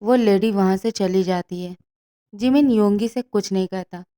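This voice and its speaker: Lady reading out a fanfic story, mellow warm voice, steady pace. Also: mid-range voice, normal speed. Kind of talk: fan fiction story narration.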